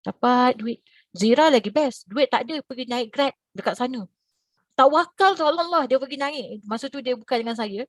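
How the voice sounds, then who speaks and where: A woman from Malaysia, a religious teacher, telling a story to her class over a video call in a lively, expressive way. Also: normal speed, no echo. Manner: animated, expressive, swings in pitch and loudness.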